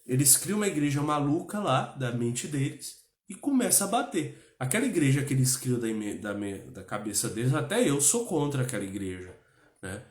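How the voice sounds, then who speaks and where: A man's voice: on the high side, darkish tone, reverberant. Impassioned Brazilian man teaching religion. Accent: Brazilian Portuguese. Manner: impassioned, repetitive, frequent "né?" tags. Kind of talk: religious class talk.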